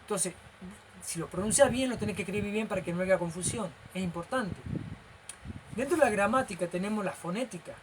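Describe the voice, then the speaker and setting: A man with a Rioplatense Spanish accent gives an informal lecture as a teacher, his voice high-pitched and a little fast over a noisy background. Animated and gestural, he explains things step by step and keeps checking that the listener is following.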